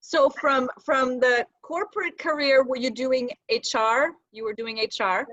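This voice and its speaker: Woman host, fairly high voice, dry sound. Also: fairly even intonation, measured pace, fairly bright tone, no room sound, muffled recording. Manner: hesitant, frequent fillers. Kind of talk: casual video interview hosting.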